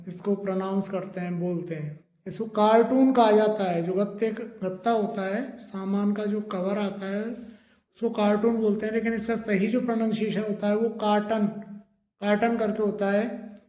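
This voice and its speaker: A man teaching English pronunciation, spelling words out letter by letter and repeating the correct forms, often pausing with fillers. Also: high-pitched, darkish tone. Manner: frequent hesitation fillers. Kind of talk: pronunciation lesson. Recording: echoey room.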